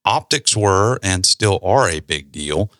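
A man with a very low voice and a forceful, bright edge hosts a podcast. He explains at an easy conversational pace, slipping in casual asides. The sound is close and dry, with no room around it. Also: animated, slow pace, dry recording. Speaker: podcast host.

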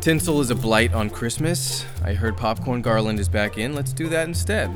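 A man playing a deadpan, gently teasing dad in a scripted family audio drama. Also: mid-range voice, normal speed, over music, lightly acted. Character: dry, gently teasing middle-aged dad.

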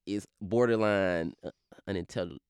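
A young man from Baton Rouge with a Louisiana accent, talking fast in a slurred drawl full of fillers as an interview guest. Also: low-pitched, darkish tone, clear, resonant tone, no room sound, clean studio sound. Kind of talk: casual interview talk.

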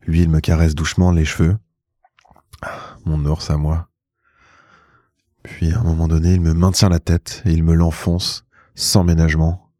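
A man narrating an intimate first-person story slowly and in a hushed, measured way, close to the mic. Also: sits low, flat delivery, no echo. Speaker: podcast host and narrator.

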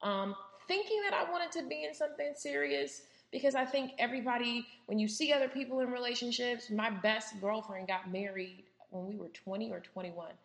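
A woman's voice: on the high side, a little fast, gravelly, hardly any pauses. A woman, hosting a solo podcast in a candid, chatty way with many fillers and asides. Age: 30s. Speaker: podcast host. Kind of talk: casual solo podcast monologue. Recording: roomy echo.

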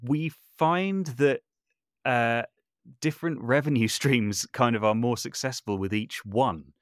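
In clean studio sound with no echo, a man of medium pitch talks without hurrying. He's on a podcast as a guest, an audio drama creator and voice actor, explaining things in a loose, chatty interview manner.

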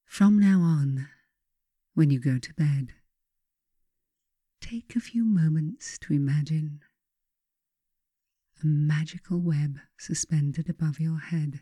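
With a low, husky voice, a woman guides listeners through her own self-help text like a meditation, measured and gently instructive with purposeful pauses. No room sound is present.

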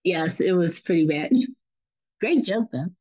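Laughing, animated mother telling stories. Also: fairly low pitch, slow, highs cut off. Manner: animated, laughing storyteller who acts out quotes in a raised voice. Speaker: podcast guest, mother. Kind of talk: casual family chat.

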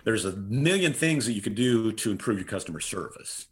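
This middle-aged interview guest, a customer service consultant, speaks fairly quickly and animatedly in a voice on the low side. Earnest and emphatic, he repeats his key phrases as he answers questions.

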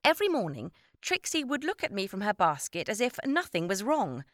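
A woman narrating a children's story with an expressive read-aloud manner. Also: medium pitch, fairly quick, no echo, clean studio sound. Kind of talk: storybook reading.

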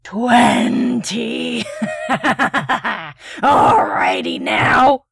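Brief: woman voicing a male road monster in a horror story, gravelly and breathy, slow gloating drawl, giggles between lines. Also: fairly high pitch, wildly swooping pitch, no echo, clean studio sound, voice pushed up, exaggerated voice.

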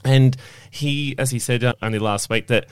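An Australian fundraising manager, a guest on a podcast interview, earnestly explains his work, opening with "so look." His mid-range voice is smooth and moves at a normal pace. The recording is dry.

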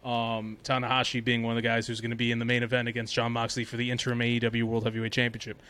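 Mid-pitched man rambling through podcast news. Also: completely flat delivery, rapid-fire, bright, forceful tone. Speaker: podcast host. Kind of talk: casual chat about wrestling news.

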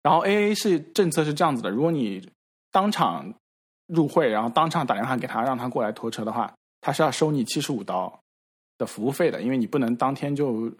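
Husky-voiced man telling a story. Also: mid-range voice, lively intonation. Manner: storytelling with acted-out quoted dialogue; frequent halting repeats. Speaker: podcast regular. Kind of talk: casual chat.

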